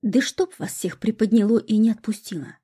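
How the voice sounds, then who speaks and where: Woman reading a rough stepmom yelling at people, husky voice. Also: fairly high pitch, normal speed. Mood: scolding. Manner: coarse, scolding, shouting. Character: stern harsh young stepmother, scolding.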